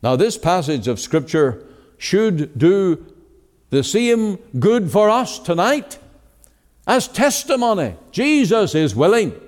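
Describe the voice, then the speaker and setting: A man preaching an evening gospel sermon in a church meeting, emphatic, rising to exclamations and then dropping low. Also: big pitch swings, takes it slowly, darkish tone. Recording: long reverb of a large hall.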